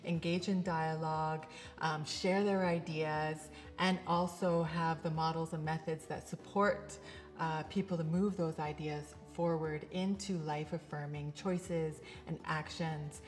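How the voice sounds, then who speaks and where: Casting: middle-aged woman with a deep, low voice, earnest facilitator intro, soft music underneath. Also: fairly even intonation, measured pace. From Canada. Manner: earnest and reflective, speaks with open hand gestures. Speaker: facilitator and coach. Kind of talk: scripted-sounding personal introduction to camera. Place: bright indoor studio set.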